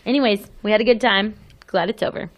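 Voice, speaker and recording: A woman's voice: medium pitch, quick pace. A woman co-hosting a radio show, chatting casually and laughing often in an easygoing way. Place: radio studio.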